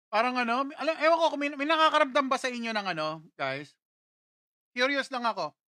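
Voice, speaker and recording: A man's voice: very high-pitched, fairly quick, bright, forceful tone, no room sound, studio quality. A young Filipino man casually chatting on a livestream, reading out viewer comments and laughing often. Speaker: livestream host.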